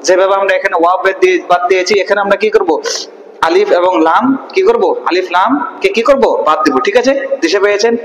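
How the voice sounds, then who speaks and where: Male Quran teacher, high-pitched, patient drilling style, slow chanted recitation, reverberant room. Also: steady tone, fairly bright tone. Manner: asks questions and answers them himself, spells syllables slowly. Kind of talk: online Quran reading lesson.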